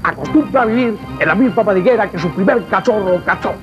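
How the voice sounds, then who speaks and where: A man voicing a grave, measured narrator in a parody wildlife documentary, on dull lo-fi TV audio. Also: high voice, over music. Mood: solemn. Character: solemn male documentary narrator. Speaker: mock nature-documentary narrator.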